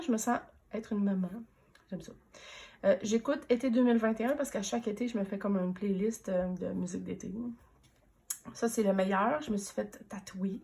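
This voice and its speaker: A woman in her thirties with a Quebec French accent chats casually through a planner flip-through, relaxed and full of hesitations. Her voice is still slightly off from a recent throat infection, and she talks at an average pitch. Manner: chatty and relaxed, many hesitations. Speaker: teacher and planner vlogger.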